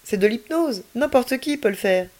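A woman voicing a cheerful, calm alien boy in a children's story, playful and unruffled. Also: a little high, normal speed, pitched above the performer's own voice, lightly acted. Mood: carefree. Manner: playful, unruffled, laughing easily.

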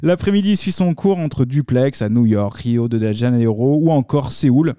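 A man's voice: mid-range voice, expressive, moderate pace, mellow, smooth, dry recording. A man hosting a casual chat, presenting old TV segments with dry jokes. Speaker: podcast host.

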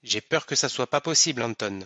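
A man's voice: medium pitch, animated, fairly quick, bright, forceful tone, no echo, highs cut off. A man reading aloud voices a coarse, coaxing ship captain. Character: gruff wheedling ship captain.

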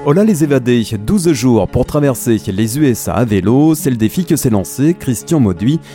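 A man's voice: medium pitch, lively intonation, moderate pace, over music. A male host reading a scripted, upbeat introduction to a sports story. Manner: upbeat, playful. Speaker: podcast host. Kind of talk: scripted narration.

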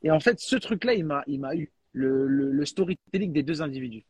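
A man talking in a casual chat as a guest, animated and slangy, often restarting and repeating words. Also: on the high side, brisk, husky, no echo. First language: French. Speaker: guest, freestyle football creator.

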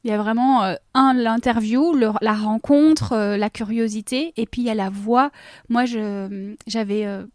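Woman podcaster guest, fairly high voice, expressive, searching for words, dry mic. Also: normal speed, no room sound. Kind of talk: casual interview talk. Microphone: studio microphone.

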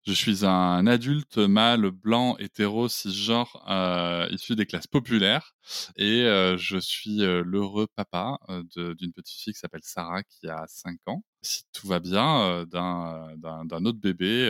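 A man's voice: deep voice, unhurried, fairly bright tone, smooth, no echo, clean studio sound. A man in his forties from the Bordeaux area, a podcast guest talking casually with many hesitations and restarts. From Bordeaux area, France. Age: 40s. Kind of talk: casual interview chat.

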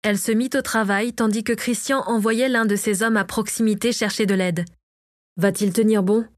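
A woman narrating a fantasy novel in a steady, measured reading. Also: a little high, no room sound, studio quality. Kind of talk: audiobook narration.

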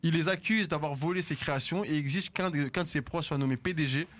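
Belgian male radio host, quick and a bit high, joking chat between news bits. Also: fairly bright tone. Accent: Belgian French. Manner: joking, reads news items quickly with fillers. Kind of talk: casual hip hop radio chat. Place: radio studio.

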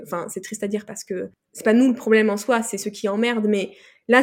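A woman's voice: mid-range voice, darkish tone. Rambling young Frenchwoman telling travel stories. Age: young adult. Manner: rambling, many fillers and restarts. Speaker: guest. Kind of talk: casual interview chat.

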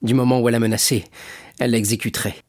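A man's voice: medium pitch, flat delivery, very fast, darkish tone, no echo, close to an everyday voice. Man voicing a desperate young lover, earnest, resolute, dry close sound, audiobook.

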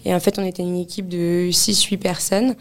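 Speaking at a normal pace in a fairly low voice, a woman in her twenties from Paris talks comfortably about her work in office real estate as a podcast guest, her speech dotted with hesitant "euh" fillers.

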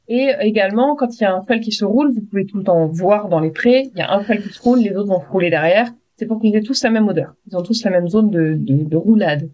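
A woman's voice: medium pitch, dark tone. A woman co-hosting a podcast, explaining in a chatty way with examples and fillers. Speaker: podcast co-host. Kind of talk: casual explanatory chat.

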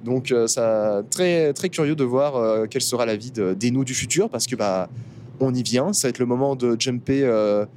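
A man's voice: medium pitch, moderate pace, darkish tone, a little hiss or hum. Chatty French man, lots of fillers. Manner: hesitant, many fillers. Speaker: podcast co-host. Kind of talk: casual chat in a car. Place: inside a car on a highway.

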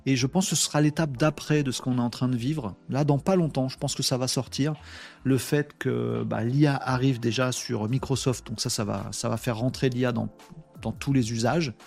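Hosting his daily live webinar, a man chats casually, telling anecdotes with playful sound effects like "bim" and reading viewer comments aloud in a lively, animated way. His medium-pitched voice is creaky, he speaks at normal speed, and faint music plays behind him.

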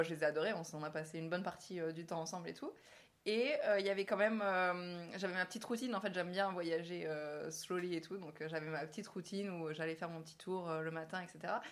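A young woman hosting a casual podcast chat, telling travel stories with a lively, laughing manner. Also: fairly low pitch. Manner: lively storyteller, laughs often. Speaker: podcast host.

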